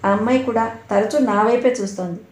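A woman's voice: on the high side, fairly quick, a little mellow, natural voice. A woman voicing a proud, stern middle-aged mother in a storybook reading. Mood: curious. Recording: roomy echo.

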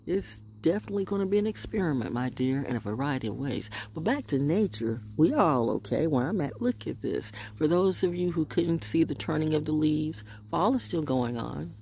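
On a wooden deck in the woods, a woman in her sixties vlogs a sassy, profane monologue into a phone held close at arm's length, slipping in whispered asides. Her low, gravelly voice is dark-toned and expressive at normal speed, with slight background noise.

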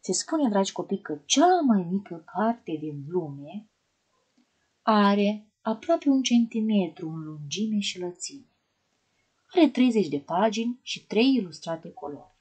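Husky-voiced woman teaching young children. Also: medium pitch, sing-song. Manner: gentle, sing-song teacher talk to children, asking questions. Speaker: primary school teacher. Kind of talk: online lesson for young children.

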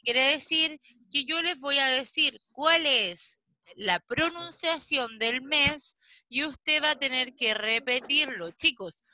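A woman teaching an English class over a video call. She talks patiently, checks in with the children often, and slows right down to model each English word. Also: high-pitched, bright, forceful tone. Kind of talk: online class instruction.

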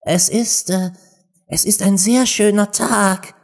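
Nervous storybook rabbit, voiced by a man, high pitch, hushed, shy. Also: animated, takes it slowly, heavily acted.

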